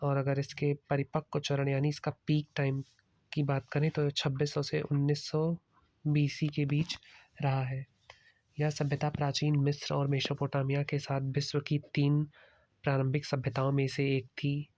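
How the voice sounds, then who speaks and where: A male exam-prep teacher explains slide by slide and drops English terms into his Hindi. His voice sits slightly high and barely moves in pitch. The recording is dry and close, with no room sound. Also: completely flat delivery, a little slow, darkish tone, no room sound. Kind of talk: slide-based lecture.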